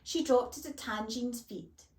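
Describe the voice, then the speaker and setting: A woman reads a children's chapter book aloud with clear, expressive storytelling. Her voice sits somewhat high. The recording has a noticeable roomy echo. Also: a little slow.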